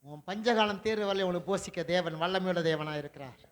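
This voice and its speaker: A male pastor preaching a sermon, swinging between loud declarations and low asides, with repeated rhetorical questions to the congregation. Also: brisk. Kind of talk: Tamil sermon.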